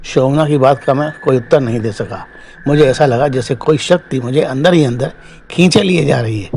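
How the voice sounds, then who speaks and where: A man telling a first-person horror story in steady, dramatic scripted narration, closing as the show's host. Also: mid-range voice, slight background noise.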